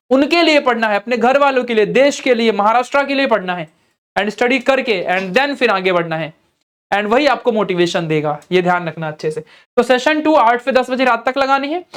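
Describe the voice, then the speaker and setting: A man's voice: very high-pitched, a bit bright, clear, resonant tone. A young man with an Indian accent, an online teacher giving earnest, coaxing study advice straight to his students. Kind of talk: motivational study advice talk.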